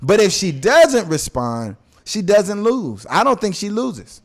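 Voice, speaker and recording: A man co-hosting a podcast in casual chat, animated and often repeating phrases for emphasis. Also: sits high, a little slow. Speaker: podcast co-host.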